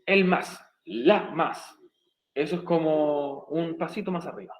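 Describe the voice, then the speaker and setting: A man's voice: on the high side, takes it slowly, low-quality recording. A male English teacher, patiently explaining grammar step by step in a recorded online class. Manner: patient, repeats and spells out each step.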